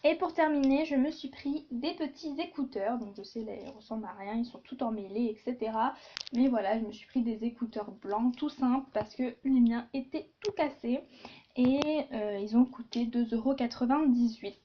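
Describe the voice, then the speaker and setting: Chatty woman with a higher voice. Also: moderate pace, highs cut off, slight background noise. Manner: chatty, many fillers and asides. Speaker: beauty vlogger. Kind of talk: casual haul video chat.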